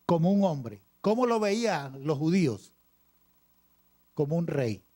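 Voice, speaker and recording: A male pastor preaching a sermon, reading scripture aloud and pausing for emphasis with repeated phrases. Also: fairly high pitch, sing-song, warm tone. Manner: preaching with dramatic pauses and repetition.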